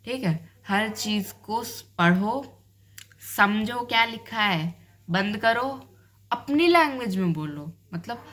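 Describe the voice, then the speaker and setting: A woman's voice: medium pitch, fairly bright tone. A young woman teaching learners in a chatty, casual way, often checking in with the listener. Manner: chatty, repeats "ठीक है" often. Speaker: English-learning tutor. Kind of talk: casual lesson talk.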